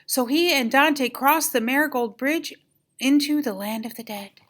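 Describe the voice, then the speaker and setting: Older woman, grandma voice, children's read-aloud, higher pitch, bright tone, dramatic emphasis. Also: measured pace. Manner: animated, dramatic emphasis on exclamations and key moments. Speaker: grandmother reading a storybook aloud.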